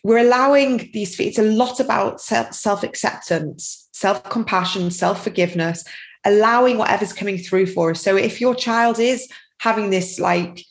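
A woman's voice: mid-range voice, moderate pace, poor audio. A middle-aged woman speaking as a podcast guest, chatty and rambling, with many "you know"s. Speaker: guest, tapping practitioner and parent. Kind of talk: casual podcast interview.

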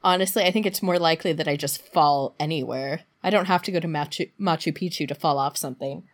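A woman with a gravelly voice, hoarse from throat trouble, co-hosting a podcast with casual banter. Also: sits low, fast. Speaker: podcast co-host.

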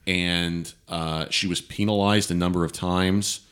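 A man in his thirties with a low, deep voice co-hosts a casual talk show. He argues his points emphatically, with plenty of ums, uhs and restarts. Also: fairly even intonation, unhurried, fairly bright tone. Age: 30s. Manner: emphatic, frequent fillers and restarts. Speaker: podcast co-host. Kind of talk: casual opinionated chat.

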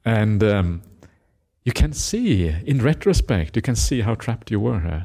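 A middle-aged Norwegian Buddhist monk gives a reflective Dhamma talk in a lowish, very animated voice at a slightly slow pace. He often ends his points with a questioning "eh?", mixing in gentle laughter and hesitant fillers.

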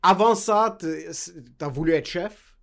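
A man's voice: high-pitched, measured pace, gravelly, a bit bright. A young man with a Québécois French accent, co-hosting a casual chat and loosely mixing in English slang.

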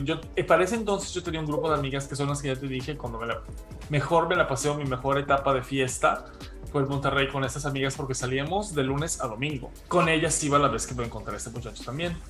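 A man, telling a gossipy story in animated casual chat with a co-host. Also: a little high. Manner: animated gossipy storyteller, calls listener "hija".

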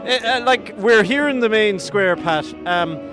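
A man's voice: sits high, a little slow. A middle-aged man, hosting a casual community radio interview in a chatty, teasing way. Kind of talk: casual outdoor broadcast interview. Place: outdoors in a busy town square outside a hotel. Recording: outdoor field recording, loud music behind. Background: loud country music from pubs.

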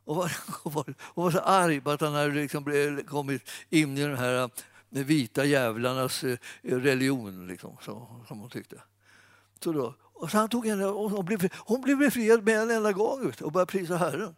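A man giving an informal sermon, chatty and animated, speaking straight to his listeners. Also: on the high side, dry recording, clean studio sound. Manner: conversational, animated, fillers and restarts, addresses audience. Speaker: preacher.

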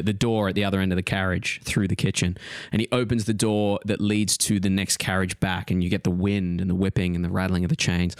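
A man's voice: sits low, no echo, studio quality. A man narrating an improvised tabletop game as game master in a casual, descriptive way.

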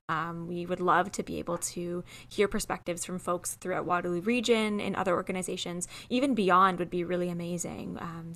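A woman's voice: on the low side, fairly bright tone. A young woman co-hosting a podcast, asking questions in a casual, hesitant way full of ums. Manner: hesitant, lots of ums, upbeat. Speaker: podcast co-host.

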